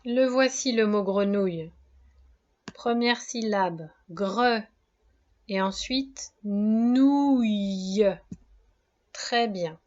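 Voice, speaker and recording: A woman's voice: mid-range voice, slow. A woman teacher giving a spelling dictation lesson to young children, breaking words into syllables, careful and encouraging. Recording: dull lo-fi sound.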